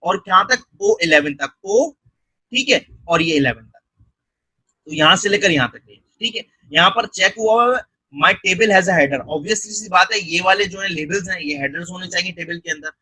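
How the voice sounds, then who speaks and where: A man narrating a screen-recorded software tutorial step by step. He keeps checking in with the viewer and mixes English technical terms into his speech. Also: high-pitched, expressive, moderate pace, slightly rough, no room sound, low-quality recording. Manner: step-by-step, repeating "theek hai" and "ye dekhen" to guide the viewer.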